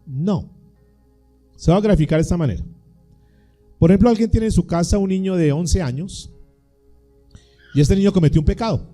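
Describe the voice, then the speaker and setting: Pastor guy preaching, kinda high voice but really dark mellow tone, soft music behind. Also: moderate pace, long pauses. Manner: earnest, acts out little scenes. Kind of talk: sermon.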